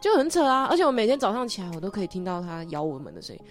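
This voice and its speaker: A young woman with a Taiwanese Mandarin accent who talks very quickly. She chats like a podcast co-host, exclaiming and complaining dramatically, over faint background music. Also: mid-range voice, sing-song. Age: young adult. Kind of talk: casual chat, storytelling.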